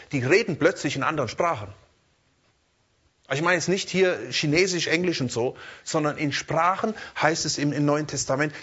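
A man preaching a sermon in a lively way, often checking in with his listeners and repeating words as he searches for the next one. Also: a little high, breathy edge, dull audio.

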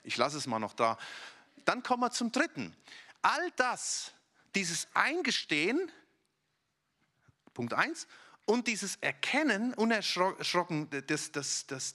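A man preaching a sermon to a congregation, talking to his listeners directly in a lively, conversational way. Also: sits high.

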